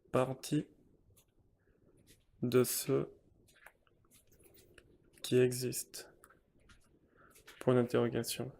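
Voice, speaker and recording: A man dictating a text as a teacher, in deliberate short repeated phrases with the punctuation spoken aloud. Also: medium pitch, gravelly, darkish tone.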